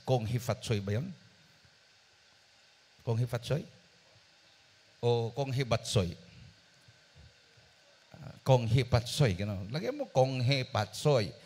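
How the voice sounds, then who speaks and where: Animated male preacher telling a story. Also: mid-range voice. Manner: animated, swings between loud emphasis and soft asides; addresses the congregation directly. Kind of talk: sermon storytelling. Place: church service.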